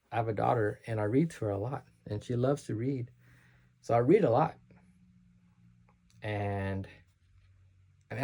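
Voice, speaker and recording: A man vlogging unscripted to camera in a gravelly, husky voice with a mellow tone. He is hesitant and self-conscious, restarts often and slurs his words. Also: mid-range voice.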